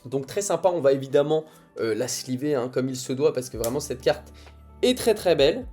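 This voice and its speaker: A young man giving casual commentary as he opens trading card packs, reacting excitedly to each card as it comes. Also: medium pitch, normal speed, soft background music. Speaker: card collector opening booster packs. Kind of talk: casual pack-opening commentary.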